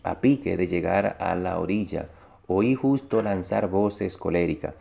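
Deep gravelly man reading a story. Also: dark tone. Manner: halting read-aloud with frequent restarts. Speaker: reader. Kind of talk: reading a short story aloud.

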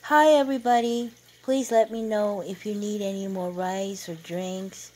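A woman's voice: fairly low pitch, steady tone, moderate pace, darkish tone, slight background noise, lightly acted. A woman voicing a cheerful, polite young wife who is hosting a family dinner in a read-aloud story. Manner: friendly, polite.

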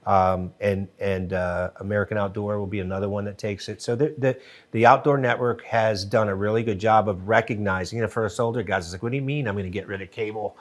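A middle-aged man from Western Pennsylvania speaks into a studio mic as a podcast guest. His talk is animated and loose, full of restarts as his ideas tumble out. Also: on the low side, fast. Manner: animated, gestures a lot, frequent restarts. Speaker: podcast guest, TV show co-creator. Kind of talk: casual interview chat. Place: wood-paneled podcast studio. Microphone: studio mic on boom arm.

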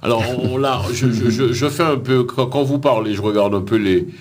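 A man hosting a radio studio interview, asking questions with halting restarts. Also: mid-range voice, a little hiss or hum. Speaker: radio show host. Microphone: studio mic with headphones.

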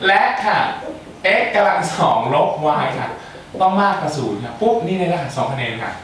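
A man's voice: a little high, very animated, moderate pace, a bit bright. A young man tutoring students for a math exam, chatty and playful, with joking asides. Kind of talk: exam-prep math lecture. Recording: echoey room, mic far off, faint hiss.

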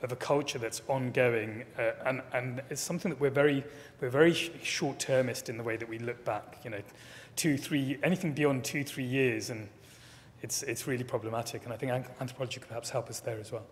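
A man's voice: mid-range voice, fairly even intonation, fairly quick, a little hiss or hum. A middle-aged man, a keynote speaker, answering audience questions thoughtfully at a lectern, often repeating words as he builds a point. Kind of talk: conference Q&A answers. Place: large conference hall, at a lectern. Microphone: lectern microphone. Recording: long reverb of a hall.

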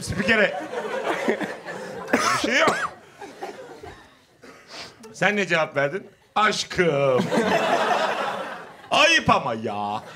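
A man's voice: sits high, very noisy. A man hosting a comedic couple quiz show, teasing his guests and laughing through his questions. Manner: teasing, joking, laughs often. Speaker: host. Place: studio with audience.

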